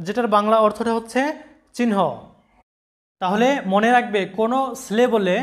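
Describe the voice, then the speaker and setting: A teacher with a medium-pitched voice gives a recorded pronunciation lesson, patiently repeating example words slowly and spelling out their letters.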